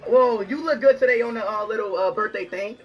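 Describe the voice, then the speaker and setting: A man livestreaming in a casual chat, brash and excitable, repeating himself as he reacts. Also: high voice, fairly quick, far from the mic, highs cut off.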